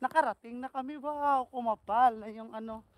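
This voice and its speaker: A man with an Ilonggo accent chatting casually on a walking vlog outdoors, playful and quick to laugh. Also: extremely high pitch, steady tone, background noise. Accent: Ilonggo Filipino. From Philippines. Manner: playful, laughs often, jokes around. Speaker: vlogger. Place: outdoors on a cold street.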